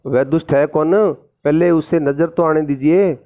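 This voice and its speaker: A man's voice: fairly high pitch, steady tone, unhurried, dark tone, voice pushed up, natural voice. A man doing a sleepy, curious crow.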